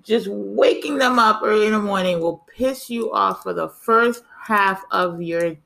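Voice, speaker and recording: A middle-aged woman from the Bronx with a New York and Spanish-tinged accent, co-hosting a casual chat and telling stories in an animated way. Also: mid-range voice, unhurried, gravelly. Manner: animated storytelling with lively asides. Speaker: podcast co-host.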